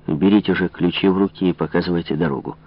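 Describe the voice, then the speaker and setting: A man's voice: low-pitched, fairly even intonation, fast talker. A man voicing a stern, grim royal minister who gives orders in a threatening tone. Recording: dull lo-fi recording.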